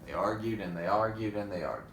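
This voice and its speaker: Reading aloud to kids, this man has a gravelly, fairly low voice and moves fast, giving the story lots of expression and pausing for friendly asides to his listeners. Faint noise and echo from the room come through.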